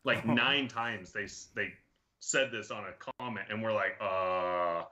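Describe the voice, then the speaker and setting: Casting: man, stream guest, very bright tense voice, joking storyteller, dull remote audio. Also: fairly low pitch, moderate pace. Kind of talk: casual chat.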